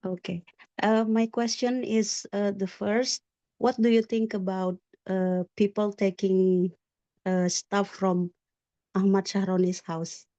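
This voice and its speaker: Slow, hesitant Indonesian woman, dry sound. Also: mid-range voice, level tone, dark tone, dry recording, muffled recording. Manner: hesitant, joking. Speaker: participant asking a question. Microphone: video call.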